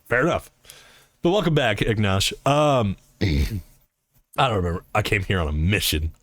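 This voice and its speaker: A man's voice: fairly low pitch, big pitch swings, measured pace, a bit bright, no echo. A man streaming live, chatting casually and answering his chat in a rambling, swearing way.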